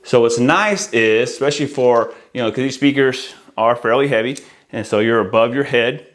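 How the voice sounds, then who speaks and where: A man in his forties, an audio installer, gives an informal, explanatory product walkthrough, casually addressing viewers from a small home office. His mid-range voice has a fairly bright tone and a moderate pace, recorded on a lavalier clipped to his shirt.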